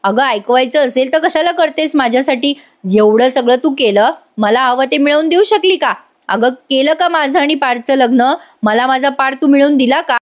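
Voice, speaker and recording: A woman's voice: high voice, moderate pace, few pauses, natural voice. A woman doing a sulky, resentful daughter. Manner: resentful, curt. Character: sulky young adult daughter, resentful and stubborn.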